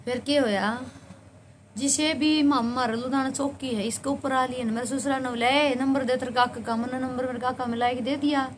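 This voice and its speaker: A woman's voice: high voice, steady tone, fairly quick, a little hiss or hum. Haryanvi woman, rambling earnest storyteller. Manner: earnest, rambling retelling with repeated phrases. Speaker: vlogger. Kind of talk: personal storytelling.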